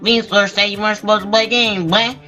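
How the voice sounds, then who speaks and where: A man's voice: sits high, level tone, fast, bright, forceful tone, dull audio, soft background music, pitched above the performer's own voice. A man voicing a pushy little creature guard who nags and taunts. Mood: taunting. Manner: nagging, taunting.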